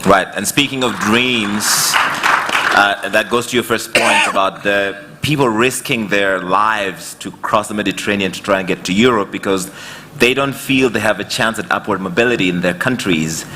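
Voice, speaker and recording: A man's voice: lowish voice, normal speed, a loud crowd, heavy background noise. A man moderating a panel, talking in a conversational way with casual fillers. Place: conference hall.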